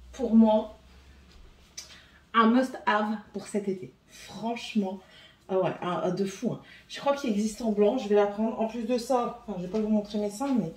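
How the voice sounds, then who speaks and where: A woman's voice: fairly high pitch, darkish tone. Chatty French woman doing a haul. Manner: chatty, lots of hesitations and repeats. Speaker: vlogger. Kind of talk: casual haul video chat.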